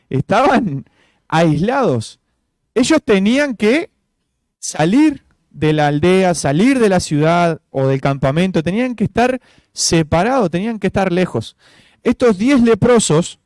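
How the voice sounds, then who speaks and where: A man's voice: high voice, dry recording. A man preaching an informal sermon, full of rhetorical questions and fillers. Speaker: pastor. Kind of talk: conversational sermon.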